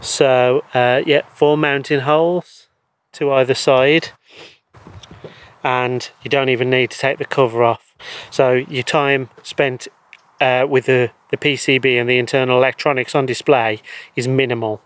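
Wearing a lapel mic outdoors by a wooden shed in a garden, a thirties-aged EV charger installer who hosts a channel gives a practical installation demo. His hoarse, mid-range voice moves a little slowly, calm and explanatory, with many ums and so's.

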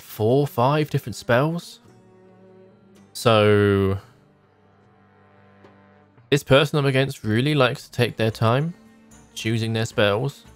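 A man in his thirties with a creaky, mid-range voice streams gameplay from a small room at home. He muses aloud in short, casual remarks while background music plays.

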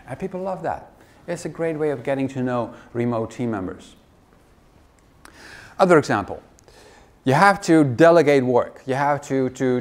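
A middle-aged man giving a wry, joking conference keynote in a large hall, speaking into a headset mic. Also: medium pitch. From Netherlands. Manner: wry, joking, lively presenter.

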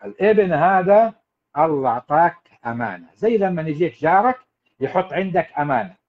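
A man's voice: a little high, brisk, narrow, tinny audio. A man giving a live parenting talk, preachy and emphatic, speaking straight to his listeners. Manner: animated, preachy, emphatic, addresses listeners directly. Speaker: parenting coach.

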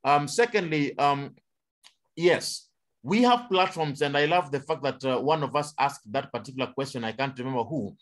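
A man's voice: mid-range voice, normal speed. A man from Kenya on an online panel, speaking in a preaching manner and asking rhetorical questions.

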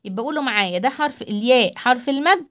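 A woman with an Egyptian accent teaching young children to read, drawing out syllables slowly and clearly. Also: a little high, animated, fairly bright tone. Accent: Egyptian Arabic. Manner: drawn-out syllables for young learners. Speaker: primary school teacher. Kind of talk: children's reading lesson. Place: voice-over recorded at home.

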